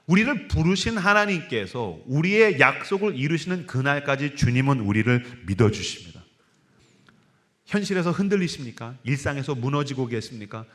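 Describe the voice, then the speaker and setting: Animated, bright-voiced male pastor. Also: a little high. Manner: animated storytelling with acted voices. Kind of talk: sermon. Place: church sanctuary.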